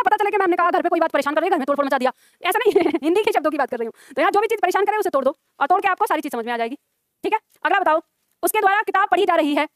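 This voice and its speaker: High-voiced, fast-talking woman teacher. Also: fairly bright tone, no room sound, clean studio sound. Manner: brisk, coaxing, repeats "ठीक है" and quizzes students. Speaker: Hindi grammar teacher. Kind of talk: online class lecture.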